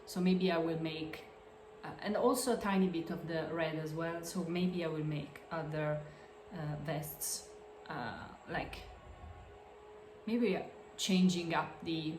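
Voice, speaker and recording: An Italian woman hosting a podcast shows off her knitting projects in a casual crafts show-and-tell, speaking slowly in hesitant English packed with fillers, restarts and self-corrections. Her voice is slightly low, the room is echoey, and there is background noise.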